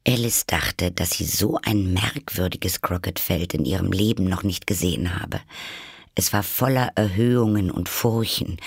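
A man reading a storybook aloud as narrator, with expressive delivery. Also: lowish voice, creaky, breathy edge, dry recording, studio quality. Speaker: audiobook narrator.

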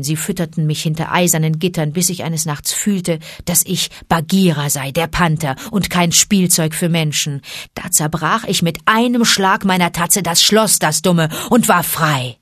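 Wise protective panther, low and hushed, read by a woman; dry close sound. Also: no room sound. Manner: calm, low and confiding, urgent at times. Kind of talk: audiobook character reading.

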